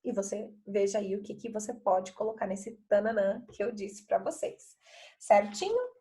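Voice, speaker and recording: A woman's voice: medium pitch, animated, normal speed, warm tone. A middle-aged woman teacher from Brazil walking pupils through workbook exercises in a video lesson, patient and chatty, often checking that they follow.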